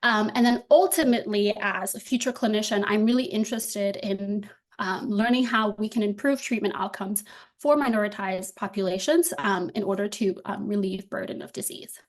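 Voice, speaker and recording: A woman's voice: medium pitch, moderate pace. A young woman from the Dominican Republic, a doctoral student giving an academic talk over a video call, friendly and full of filler ums. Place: indoor room at home. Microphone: laptop webcam on video call.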